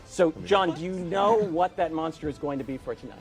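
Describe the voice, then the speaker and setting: A man's voice: on the high side, brisk, faint music behind. A man hosting a live game show in a conversational, jokey, somewhat theatrical way.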